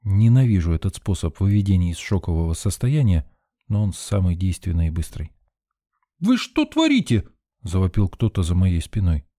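A man's voice: deep voice, a little fast, dark tone, dry recording, studio quality. A man reading a first-person story in a tense, urgent narrating voice. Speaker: audiobook narrator.

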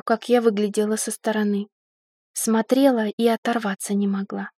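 A woman narrating an audiobook in the first person, in a lively and ironic storytelling manner. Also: mid-range voice, husky, no room sound, clean studio sound.

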